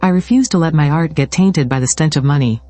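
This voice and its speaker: A calm, modest young male healer, self-assured and unhurried in a story recap, as a narrator plays him. The voice is mellow and dark, recorded close and dry. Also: on the high side, no room sound, close to an everyday voice.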